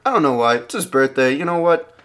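A man's voice: medium pitch, animated, fairly quick, fairly bright tone. Young guy reading jokes off a page, laughs at his own stuff, rambly asides. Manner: casual, giggly, rambling asides. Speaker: joke reader. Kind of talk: reading jokes aloud with commentary.

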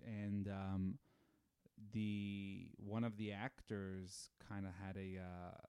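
A man in his thirties chatting casually and spinning stories, full of "you know" and "like". His voice is lowish and smooth, recorded close and dry with no room sound. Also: dry recording. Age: 30s. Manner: animated storyteller with many fillers. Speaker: podcast guest. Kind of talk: casual chat.

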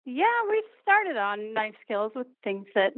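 A woman with a fairly high voice comes through over the phone on a thin, tinny line. The sound is dry and close. She talks easily and warmly, agreeing in short replies. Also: big pitch swings, a little slow, no echo. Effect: heard over the phone. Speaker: caller, a parent teaching her kids to cook. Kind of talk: casual call-in chat.

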